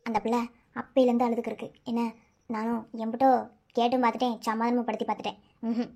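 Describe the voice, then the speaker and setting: A woman's voice: fairly high pitch, level tone, fast, mellow. A woman voicing a bossy, cheeky young village sister who mocks and orders her brother in Madurai Tamil for a cartoon. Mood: coaxing. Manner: bossy, mocking.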